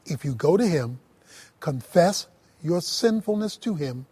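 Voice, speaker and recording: A man bible teacher making a calm, earnest studio appeal straight to the listener. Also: fairly high pitch, a little slow, slightly rough, no echo.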